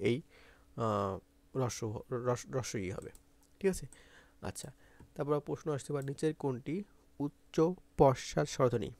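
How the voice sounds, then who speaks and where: A man's voice: medium pitch, moderate pace, vocal fry, pauses often, a little mellow. A man with a Bangladeshi Bengali accent teaching an exam-prep grammar lesson, repeating points and asking pupils to say sounds aloud.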